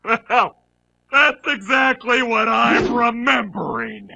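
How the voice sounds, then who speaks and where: Snarly vain dude in a game, super high bright voice, gravelly. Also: male voice, takes it slowly, lo-fi sound, full character voice. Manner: snarling, shouty. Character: vain, hostile young man with a grudge. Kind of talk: video game cutscene acting.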